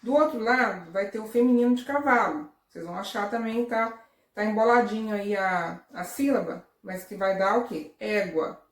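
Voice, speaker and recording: A woman's voice: mid-range voice, moderate pace. A Brazilian woman teaching a recorded lesson to young children, patient and repetitive, often checking "tá?". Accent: Brazilian Portuguese. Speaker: primary school teacher. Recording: echoey room, voice a bit far from the mic.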